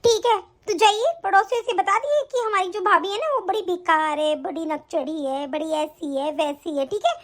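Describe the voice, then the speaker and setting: A woman voicing a young daughter-in-law who is fed up and defiant, in an animated story, with a sharp, scolding delivery. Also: very high voice, moderate pace, hardly any pauses. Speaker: voice actor.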